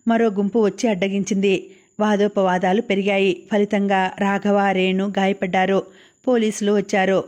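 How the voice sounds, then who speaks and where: A woman narrating an audiobook novel in a steady, scripted reading. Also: medium pitch. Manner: flat, even reading.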